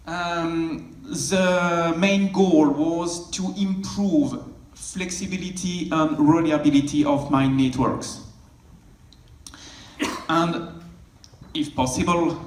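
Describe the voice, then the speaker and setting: A middle-aged man with a French accent giving a conference talk, pausing often with fillers as he searches for English words. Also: on the high side. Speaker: conference speaker, network architect. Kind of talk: conference presentation. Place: large conference hall. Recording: echoey conference hall.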